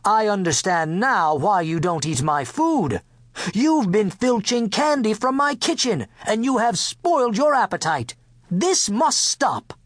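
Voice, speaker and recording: A man's voice: a little high, very animated, a little slow, hardly any pauses, a bit bright, dry recording, clean studio sound. A man voicing an anxious, devoted royal cook in a storybook, earnest and pleading. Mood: firm.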